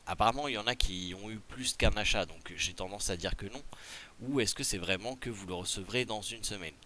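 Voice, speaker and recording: A Quebec French man walks viewers through a game promotion, reading the rules and then breaking off into loose, chatty asides. His voice sits fairly low but sounds bright and forward. A faint hiss runs under the recording. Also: fairly quick. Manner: reads rules aloud then chats loosely, fillers and asides. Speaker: gaming video creator. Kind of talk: casual tutorial commentary.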